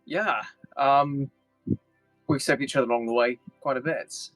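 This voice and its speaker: A man's voice: mid-range voice, a little slow, fairly bright tone, soft background music, low-quality recording. A man chatting casually as a player in a tabletop role-playing game, with some light in-character talk.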